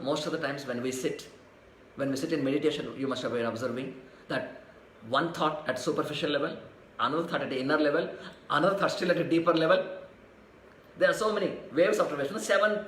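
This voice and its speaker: A man delivers a devotional sermon, repeating his phrases in a rhythmic, chanting way. His voice sits fairly high. The recording is roomy and echoey, with faint ambient noise underneath. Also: quick pace, a bit bright. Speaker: spiritual teacher.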